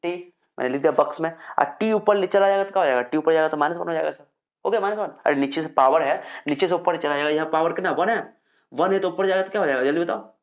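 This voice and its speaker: A young man teaching physics. He explains step by step, repeats his questions, answers them in his students' voice and reads English definitions out slowly, sounding a little low on energy. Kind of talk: recorded classroom lecture.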